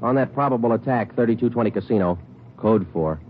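In a 1940s radio drama, an actor plays a terse police sergeant narrating a case in a clipped, matter-of-fact manner, flat and businesslike. His medium-pitched voice is close to everyday speech and a little fast. It's a tinny 1949 broadcast with music and a bit of hiss or hum.

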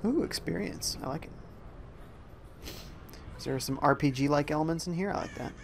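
A man's voice: a little high, lively intonation, moderate pace, creaky, slight background noise. A young man casually commentating a live game stream, reading viewer chat aloud and reacting to the gameplay. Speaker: gaming streamer.

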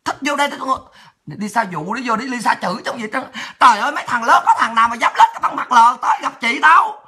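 A woman, giving a brash, profane ranting monologue and often breaking into laughter and shouts. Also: fairly high pitch, expressive, fast talker. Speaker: political livestreamer.

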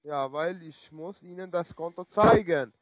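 A man's voice: fairly high pitch, unhurried, narrow, tinny audio, crowd noise. Pushy man in broken German. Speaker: scam call-center agent. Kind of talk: phone call.

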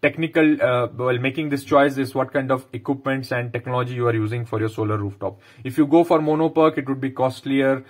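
A man in his thirties with an Indian English accent, explaining a topic to camera and pausing often on "uh". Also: mid-range voice, fairly even intonation. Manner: explanatory, frequent "uh" fillers. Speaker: power sector consultant. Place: bedroom, indoors.

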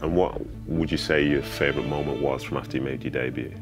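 Very deep-voiced Mancunian man interviewing. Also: steady tone, fast, music in the background. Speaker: interviewer and former player. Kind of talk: conversational sit-down interview. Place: indoor studio on a sofa.

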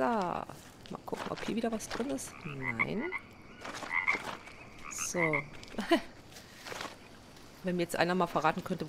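In a lowish voice with vocal fry, a woman who hosts gaming videos talks to herself while crafting in a survival game. It's relaxed let's play commentary full of self-mockery, recorded with a noisy background.

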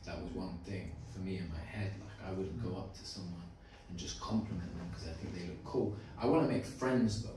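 A man's voice: deep voice, fairly quick, hardly any pauses, mellow. Echoey, nervous young man at open mic. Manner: informal, rambling, earnest with swearing. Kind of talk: live spoken piece to an audience. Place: small indoor open mic venue. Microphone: handheld mic, filmed by phone from audience. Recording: echoey room from far off, faint noise.

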